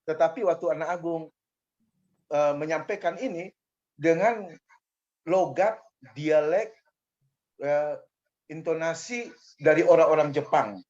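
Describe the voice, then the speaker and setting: An older man, a pastor, telling a personal testimony in a measured way, often dropping a soft "ya" between phrases. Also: a little high. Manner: measured, fills pauses with a soft "ya". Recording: dull lo-fi recording.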